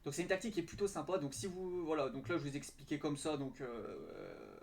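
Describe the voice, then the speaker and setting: A man's voice: fairly high pitch, big pitch swings, brisk, vocal fry, a little hiss or hum. A young man casually walking viewers through a betting method on screen, hesitant, with many fillers and restarts. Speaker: betting tips youtuber. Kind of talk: casual screen-share tutorial.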